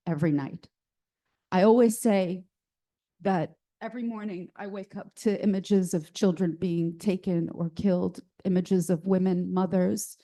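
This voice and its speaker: A woman giving a heartfelt talk as guest speaker at a church service, emotional, with her voice close to cracking and many halting fillers. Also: mid-range voice, warm tone. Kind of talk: speech to a congregation.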